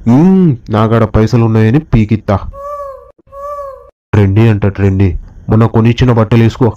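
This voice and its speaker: A man playing a stingy father with a Telangana accent who mocks and scolds his grown son in rapid bursts. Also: fairly low pitch, close to an everyday voice. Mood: scolding. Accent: Telangana Telugu. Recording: dull lo-fi audio, faint noise.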